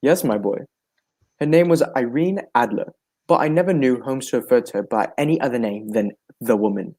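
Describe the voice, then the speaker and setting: Man acting a mellow, genial Doctor Watson storyteller. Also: mid-range voice, fairly quick, natural voice. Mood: welcoming. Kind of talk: radio drama acting and narration in a 1940s manner.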